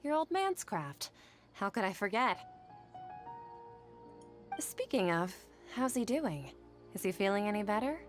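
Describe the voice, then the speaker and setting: An actress playing a kind, anxious young woman scholar in a video game, speaking gently and with concern. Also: mid-range voice, very animated, a little slow, pauses often, soft background music.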